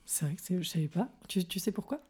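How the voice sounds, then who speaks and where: Female interviewer, warm low tone, long curious follow-up questions. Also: animated, fast talker, slightly rough. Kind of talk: interview conversation.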